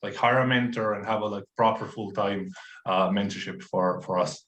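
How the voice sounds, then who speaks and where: A man from Croatia in his thirties, a podcast guest telling his story in relaxed, casual conversation full of fillers and restarts. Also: on the low side, moderate pace. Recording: roomy echo.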